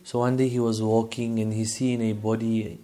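A man giving a sermon, telling a moral story in a measured, steady way. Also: fairly low pitch. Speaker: Islamic preacher.

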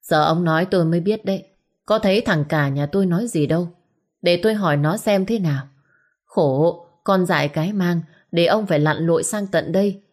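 A woman's voice: on the low side, brisk, a little mellow, close to an everyday voice. Woman doing a curt, domineering old patriarch. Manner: curt, mocking. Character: cold, domineering old father of a rich house.

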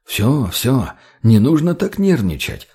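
A man voicing a fat, obsequious slave trader who fawns and placates in a raised, drawn-out voice. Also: huge pitch swings, dark tone, husky, full character voice. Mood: fawning. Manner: wheedling, placating, higher and slower.

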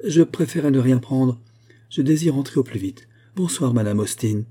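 A man doing a pale, desperate young woman who pleads in a raised, tense voice. The tone stays dark and husky underneath. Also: medium pitch, animated, moderate pace, voice pushed up. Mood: pleading. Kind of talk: audiobook character voice.

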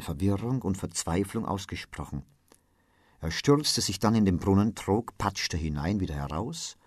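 Deep-voiced man reading literature aloud. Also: a little mellow, dry recording, clean studio sound. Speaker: narrator. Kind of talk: literary reading for radio drama.

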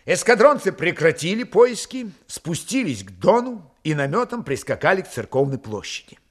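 Man reading a classic novel aloud, expressive and dramatic, voice bounces around a lot. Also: sits high, normal speed. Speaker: audiobook reader. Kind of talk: literary audiobook narration.

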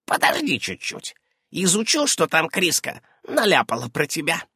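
A man voicing a fussy, brisk old female witch who keeps darting from question to question in an audiobook. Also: wildly swooping pitch, sharp tone, husky, dry recording, clean studio sound, full character voice. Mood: brisk, prying. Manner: shrill, darting, interrupting. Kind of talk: audiobook character voice.

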